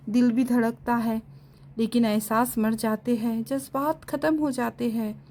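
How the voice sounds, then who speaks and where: Woman voicing a young heartbroken girl student, soft and sorrowful, high voice, storybook reading. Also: slight background noise.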